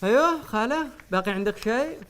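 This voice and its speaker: Sarcastic Yemeni man, high and quick. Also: expressive, smooth. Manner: mocking, sarcastic, swings between loud and hushed. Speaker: satirical show host. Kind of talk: satirical comedy monologue.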